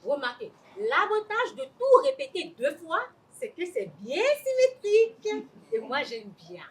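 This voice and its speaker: An actress playing a wry, teasing woman in a waiting room, with a dry, quick-witted delivery in an amateur stage play. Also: sits high, wildly swooping pitch, exaggerated voice. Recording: stage voice from a distant mic.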